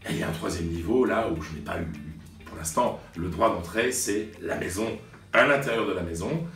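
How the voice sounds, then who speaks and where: Deep-voiced French man telling stories. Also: expressive, a little fast, fairly bright tone. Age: 40s. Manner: hesitant, many fillers and restarts. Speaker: sports journalist. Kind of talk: reflective storytelling to camera. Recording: roomy sound from a distance, faint music.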